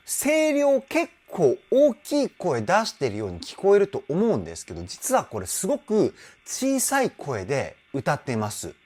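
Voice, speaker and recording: A man working as a vocal trainer, explaining singing technique in an enthusiastic, animated way. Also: fairly high pitch. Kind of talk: reaction and vocal analysis commentary.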